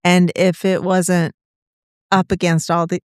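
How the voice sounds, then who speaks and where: Middle aged lady w hiccups, slow and hesitant, smooth clear voice, dry mic. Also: fairly low pitch, little pitch movement, no echo. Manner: hesitant, apologetic, laughing off her hiccups. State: has the hiccups. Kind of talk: casual chat.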